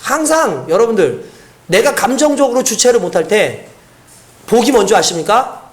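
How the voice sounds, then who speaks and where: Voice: medium pitch, big pitch swings, normal speed. A pastor preaching a sermon in a conversational, storytelling way, with frequent rhetorical questions to the congregation.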